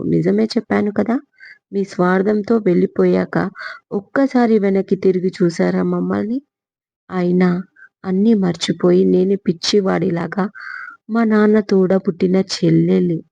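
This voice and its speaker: Brief: woman narrator plays wounded young man, cutting tone, dark husky timbre, dull recording. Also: fairly low pitch, no room sound. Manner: harsh, accusing. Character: angry young man confronting his scheming aunt.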